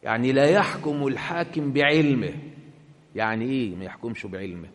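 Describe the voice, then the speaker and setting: A man with an Egyptian accent preaching a sermon, swinging between loud bursts and quiet asides. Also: mid-range voice, fairly quick, big-room sound. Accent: Egyptian Arabic.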